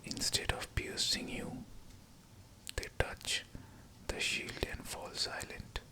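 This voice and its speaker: A man whispering a scripted pep talk of affirmations, in short, deliberate phrases. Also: low-quality recording. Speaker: guided affirmation narrator.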